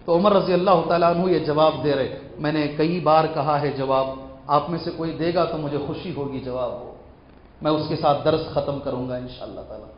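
A high-pitched male scholar delivers a fervent Quran lesson, quizzing his audience and climbing to impassioned crescendos. The recording is dull and lo-fi, with the echo of a large hall around him. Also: steady tone, slight background noise. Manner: fervent, rising to impassioned peaks, questions the audience.

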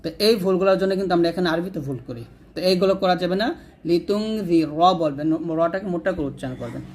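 A man teaching Quran reading, who chants verses slowly and then gives brisk spoken corrections. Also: sits high, darkish tone, a little hiss or hum. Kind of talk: Quran recitation lesson.

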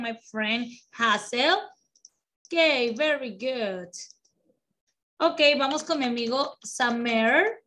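A woman teaching English to children over a video call, encouraging and slow, switching between English and Spanish. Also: high voice, sharp tone. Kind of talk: online children's class.

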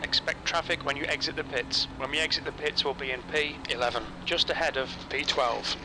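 A man acting as race engineer and spotter, delivering clipped, calm, terse pit radio calls. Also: a little high, brisk, background noise. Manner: clipped, calm, matter-of-fact.

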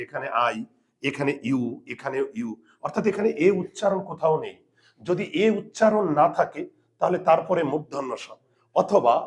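Male language teacher, somewhat high voice, patient and repetitive, steady classroom delivery. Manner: patient, repeats rules slowly for students. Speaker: Bengali grammar teacher. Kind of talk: spelling lesson to students.

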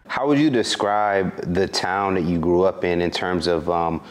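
A male interview host with a deep, low voice. He asks his questions in a relaxed way, circling around them with "like" and "um". It is a casual sit-down conversation. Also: moderate pace.

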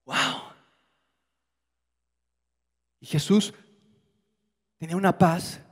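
A man with a high-pitched voice delivers an animated sermon. He acts out quoted voices and drops to a hushed low register for emphasis. His voice rings with the long reverb of a church hall. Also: normal speed. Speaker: pastor.

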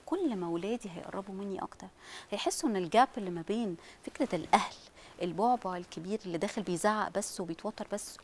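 A woman with an Egyptian Arabic accent talks at a breakneck pace as a parenting specialist. She is animated and slips into the voices of the parents she describes, all in a mid-range voice. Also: mid-range voice, a little hiss or hum. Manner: animated, acts out what parents say. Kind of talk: studio talk show discussion.

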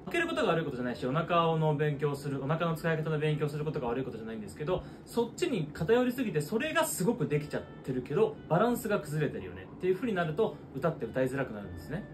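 A man's voice: on the high side, sing-song, very fast, hardly any pauses. A man teaching as a voice trainer, explaining vocal technique and breaking into short sung demonstrations. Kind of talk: singing lesson explanation. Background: guitar music.

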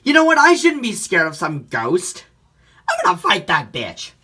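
A performer voicing a dim, excitable male animatronic bear in a homemade puppet skit, who keeps swinging between shouts and mumbles. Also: medium pitch, normal speed, husky, exaggerated voice. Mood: defiant.

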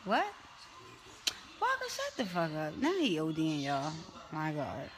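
A woman's voice: low-pitched, wildly swooping pitch, measured pace, noisy background. A woman with a Baltimore accent chatting casually on a phone livestream from bed, teasing and cursing as she talks to her viewers. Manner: teasing, profane, addresses viewers. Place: bedroom, in bed.

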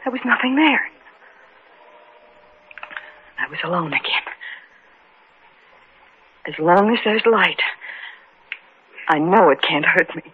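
An actress playing a haunted fiancée recalling a terror, hesitant and dramatic, in an old radio horror drama. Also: female voice, fairly low pitch, lively intonation, measured pace, long pauses, breathy edge, full character voice. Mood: frightened, tense. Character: haunted fiancée recounting a terrifying shadow. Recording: tinny old radio, loud music behind.

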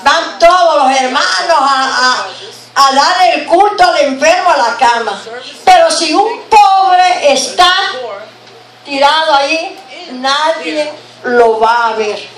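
A woman's voice: high-pitched, takes it slowly, a bit bright. A middle-aged woman preaching from a pulpit with a handheld mic, earnest and breaking into praise between points. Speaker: guest preacher. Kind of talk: sermon. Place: church sanctuary, at a pulpit. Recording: roomy church sound from a distant camera.

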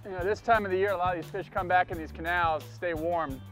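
A middle-aged man hosting a fishing show, chatting casually and getting excited from a small boat out in a canal. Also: high-pitched, fast talker, soft background music. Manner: excitable, whoops when fish bite. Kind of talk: casual on-the-water chat.

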